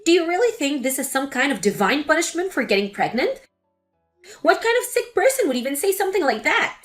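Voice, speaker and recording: Voicing an angry grown daughter, a woman confronts her mother in a sharp, indignant tone. Her high voice swings widely in pitch and moves briskly, with faint music in the background.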